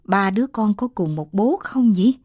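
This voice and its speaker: A woman's voice: mid-range voice, expressive, moderate pace, warm tone, no room sound, clean studio sound, lightly acted. A woman voicing a village gossip who talks in a mocking, scornful way.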